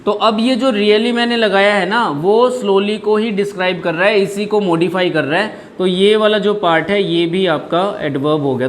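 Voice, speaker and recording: A young male teacher in a classroom, explaining English grammar in Hindi mixed with English and joking with students. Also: high-pitched. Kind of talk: classroom lesson.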